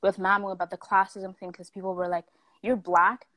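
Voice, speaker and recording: A woman's voice: medium pitch, monotone, quick pace, a bit bright, no echo. A young woman from South Africa, telling a story in a casual chat with lots of fillers, acting out the people she quotes.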